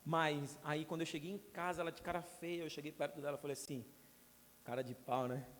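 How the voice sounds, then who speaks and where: A man's voice: fairly high pitch, little pitch movement, quick pace, a bit bright, a little hiss or hum. A young man, preaching a sermon as a pastor and telling stories with humorous asides to the congregation. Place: church hall. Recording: long hall reverb.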